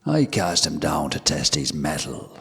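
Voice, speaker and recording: A man voicing a menacing male headless horseman spirit, slow and commanding. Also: very deep voice, big pitch swings, vocal fry, a bit bright, slightly rough, heavily acted. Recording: long hall reverb.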